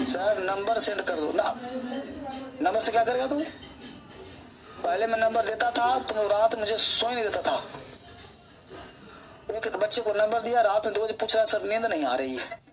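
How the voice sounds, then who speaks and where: A man's voice: high-pitched, low-quality recording. A male English teacher giving an online coaching lecture, chatty, who keeps quizzing his students and tells personal stories while he teaches.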